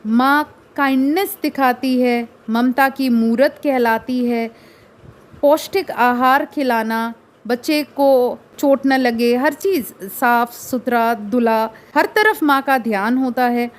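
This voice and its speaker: A woman teacher explaining a poem in a classroom lesson, mixing Hindi and English and reading the English lines out slowly and carefully. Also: high voice.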